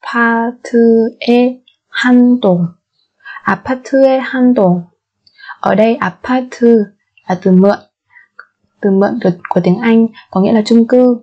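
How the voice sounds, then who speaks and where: A patient woman language teacher runs a vocabulary lesson with repetition drills, saying each word slowly several times. Her soft, husky voice is fairly high in pitch, and the recording is muffled and lo-fi.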